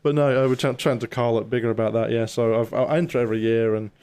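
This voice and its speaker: A man's voice: mid-range voice, flat delivery, quick pace, darkish tone, clear, resonant tone. A man with a southern English accent chatting casually and telling anecdotes as a podcast guest in an easy, bantering way. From southern England, Scottish family.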